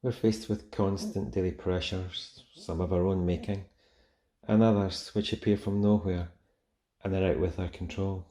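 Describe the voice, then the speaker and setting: A man guiding a relaxation meditation in a soft, soothing, gentle manner with long pauses. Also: sits low, steady tone. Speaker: meditation guide. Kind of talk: guided relaxation meditation, soothing scripted narration.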